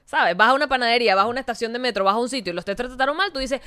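A Venezuelan woman co-hosting a podcast, lively and playful, full of slang. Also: fairly high pitch, rapid-fire, smooth, dry recording. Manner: lively, playful, slangy, puts on mock French and English phrases. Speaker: podcast co-host. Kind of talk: casual chat.

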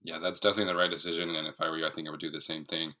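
Male sports podcast interviewer, deep voice with a bright edge, friendly and upbeat. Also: flat delivery, rapid-fire.

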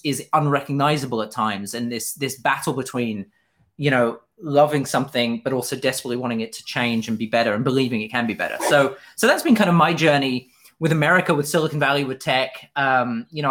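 A man's voice: medium pitch, fairly quick, a bit bright. A man from Fife in Scotland with a British accent, answering as an interview guest in an earnest, candid, conversational way and often repeating words as he goes. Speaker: interview guest, journalist and author.

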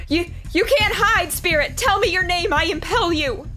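A woman's voice: very high-pitched, normal speed, over music. An actress playing a determined young woman who narrates her own ordeal in an audio drama and speaks with urgency in her scenes. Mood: commanding. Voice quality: steady, earnest narration that turns urgent in dialogue. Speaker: first-person narrator and lead character.

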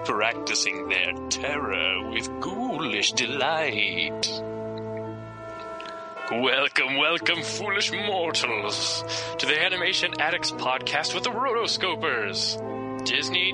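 A man voicing a spooky male ghost host who gives a theatrical show intro. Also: a little high. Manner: slow, theatrical, eerie. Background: music.

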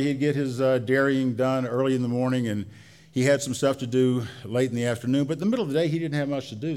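A man with a mid-pitched voice is telling a story live on stage. His manner is folksy and colloquial. He stretches out phrases and leaves pauses between them. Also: a little mellow.

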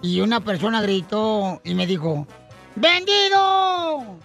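A man with a Mexican accent hosting a joking radio show, loud and playful with listeners. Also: extremely high pitch, animated, moderate pace, faint music behind. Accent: Mexican Spanish. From Michoacán, Mexico. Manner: playful, loud, jokey, calls listeners "papuchón".

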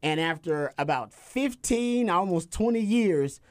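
A man hosting a sports podcast, commenting casually with emphatic repeats and halting restarts. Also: high-pitched, expressive, dry recording, clean studio sound.

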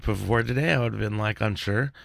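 Gravelly man in casual podcast banter. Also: on the low side, fast talker, fairly bright tone, no room sound. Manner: loose, joking, swears casually. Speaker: podcast co-host.

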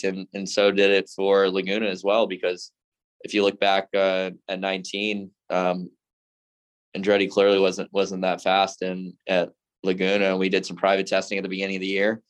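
A man's voice: deep voice, monotone. A young man, a racing driver, answering interview questions earnestly, often restarting his sentences. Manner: earnest, halting with many restarts.

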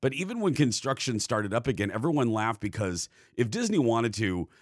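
A man's voice: medium pitch, sing-song, brisk, no room sound, clean studio sound. A man co-hosting a theme park podcast in casual chat, laughing easily and talking with frequent fillers. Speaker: podcast co-host.

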